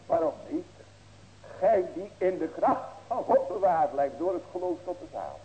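Pastor preaching with sudden cries. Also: male voice, sits high, very animated, moderate pace, lo-fi sound. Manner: preaching with sudden loud raised cries and rhetorical questions. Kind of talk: sermon.

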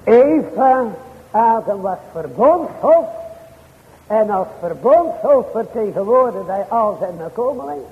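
A man preaching a sermon in old-fashioned, formal church language. He addresses his hearers directly, with sudden rises and drops in pitch and loudness. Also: big pitch swings, measured pace, long reverb tail, narrow, tinny audio.

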